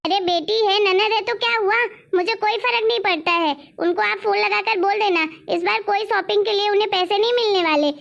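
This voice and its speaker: A woman playing a sharp-tongued young daughter-in-law who talks back defiantly, in a family drama. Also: extremely high pitch, brisk, creaky, hardly any pauses, highs cut off, exaggerated voice. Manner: bossy, defiant.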